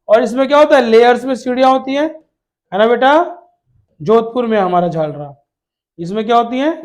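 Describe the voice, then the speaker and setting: A man with a very high-pitched voice teaches an exam-prep lesson to children. He fires off questions and answers them himself, repeating the key words. He calls his students "beta" in a fatherly way. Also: darkish tone.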